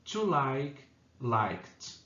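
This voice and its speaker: A man's voice: mid-range voice, very animated, a bit bright, roomy sound, muffled recording. A man teaching an English grammar lesson, explaining rules step by step and checking in often with the class. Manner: slow, repeats "tá?" and "ok?" to check understanding. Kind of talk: Portuguese-language grammar lesson.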